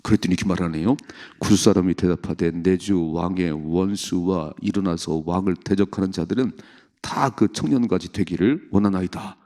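A male pastor preaching an emotional dawn prayer sermon, swinging between loud and hushed and acting out the voices in the story. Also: deep voice, normal speed. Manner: acts out voices of parents, David and the devil in quoted lines.

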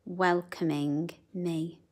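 Slow sing-song woman reading a picture book. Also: lowish voice, steady tone, a little mellow. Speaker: children's storybook reader. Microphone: camera above a book on a table.

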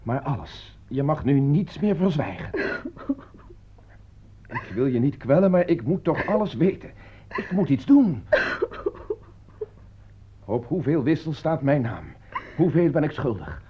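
An actor playing a worried middle-aged doctor and father in an old radio play, speaking in a grave, measured way. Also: on the high side, sing-song, slightly rough, full character voice. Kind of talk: 1950s-style radio drama acting. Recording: dull old radio recording.

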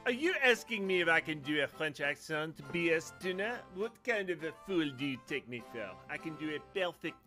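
A man's voice: a little high, expressive, normal speed, hardly any pauses, bright, forceful tone, faint music behind. A man in a played stream clip, joking in a mock-indignant, boastful way. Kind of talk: comic banter.

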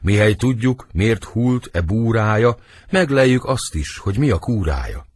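A man reading the part of Montague, a worried noble father, in measured, husky verse for an audiobook. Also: on the low side, animated, darkish tone, no echo.

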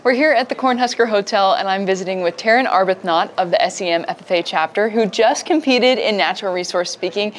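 A woman hosting interviews for a preshow broadcast, upbeat and brisk, in a large hotel hall. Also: mid-range voice. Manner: upbeat, brisk, repeats "awesome".

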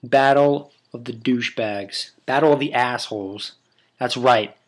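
A man's voice: mid-range voice, unhurried. A young man hosting a casual video, talking in a crude, rambling, joking way. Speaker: video host. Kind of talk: casual vlog commentary.

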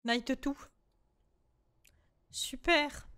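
A high-pitched young woman giving let's-play commentary on a horror game. She talks to her viewers in a chatty, swearing flow, stacking up rapid repeated words and letting out shrieks at the jump scares. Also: pushed and bright. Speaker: gaming streamer.

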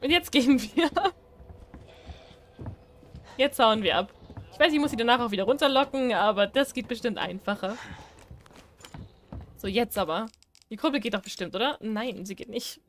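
A woman with a bright, high voice gives running commentary on a horror game. She talks straight to the characters on screen, sometimes shrieking and sometimes muttering to herself. A faint noise sits under the recording. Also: moderate pace, pauses often. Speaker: gaming streamer. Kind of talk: casual Let's Play commentary.

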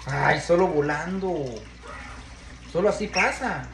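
A woman's voice: lowish voice, slow pace, echoey room, background noise. A woman coaxing her pet parrot in sing-song baby talk, at home in her kitchen. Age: adult.

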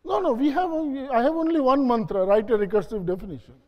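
A man's voice: very high-pitched, fast talker, dull audio. A man giving a classroom lecture, repeating key phrases and quizzing his audience. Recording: long hall reverb.

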